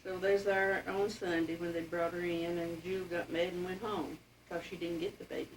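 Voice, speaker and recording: An elderly woman with an Appalachian accent and a fairly low voice. She talks in a plain, folksy, reminiscing way. The recording is faintly noisy, with the mic some distance off. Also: level tone, a little fast. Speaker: interviewee telling family history. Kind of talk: casual oral-history reminiscence.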